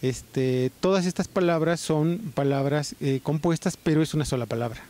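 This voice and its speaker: A man with a Mexican Spanish accent giving a writing lesson, explaining patiently and filling pauses with "este" and "eh". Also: on the high side, dark tone. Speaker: teacher.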